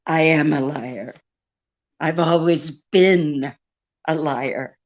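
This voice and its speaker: A woman's voice: sits low, takes it slowly. A woman playing a seductive, lying femme fatale in a radio detective drama, with a sultry, world-weary manner. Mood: weary, evasive. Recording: dull lo-fi radio recording.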